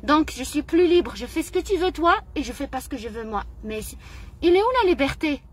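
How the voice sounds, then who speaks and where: A middle-aged Moroccan vlogger with a high voice addresses her audience directly in an impassioned monologue. Indignant and emotional, she keeps returning to the same phrases, her intonation lively and her pace fairly quick.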